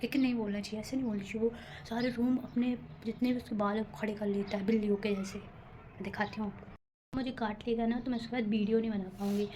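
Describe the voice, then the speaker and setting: A woman's voice: on the high side, steady tone, fast, mellow, a little hiss or hum. A young woman vlogging casually to camera, chattering nervously and rambling, laughing at herself, moving between a rooftop and a room at home. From India. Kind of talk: casual vlog talk to camera.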